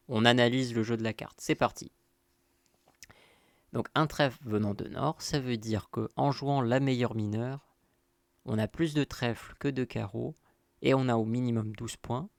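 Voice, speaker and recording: A man with a gravelly, creaky voice at a middle pitch walks viewers through a card game lesson. He speaks casually, padding his explanations with fillers and repeated phrases. The sound is dry and close, with no room around it. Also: no room sound. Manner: conversational, many fillers and "donc là, ici". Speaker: bridge teacher and channel host.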